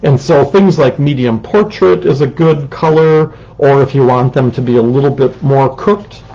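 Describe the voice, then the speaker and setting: In this live craft demonstration, the ceramics teacher explains his work in a talkative manner with frequent ums, seated close to a desk microphone as a fan runs indoors. The audio is dull, and his mid-range voice carries a dark tone at a moderate pace.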